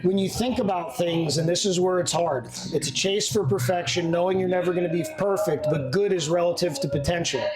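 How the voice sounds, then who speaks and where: Brief: male pitching coach, intense and emphatic, slightly high voice, over a strong music bed. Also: fairly quick, few pauses, low-quality recording. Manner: intense, emphatic, swears freely. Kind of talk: one-on-one coaching talk. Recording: loud music bed under voice.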